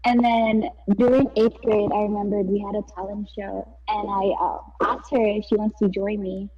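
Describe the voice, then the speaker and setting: A woman's voice: mid-range voice, flat delivery, moderate pace, slightly rough. A young woman from Thailand, chatting casually on a podcast and rambling giggly through a story with many fillers. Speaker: podcast co-host. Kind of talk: casual chat. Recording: dull, distant mic.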